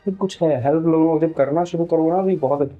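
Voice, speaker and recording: A man's voice: a little high, brisk, phone-quality sound, faint music behind. A man giving a casual spoken tutorial as an English teacher, conversational and repetitive, slipping English phrases into his explanations.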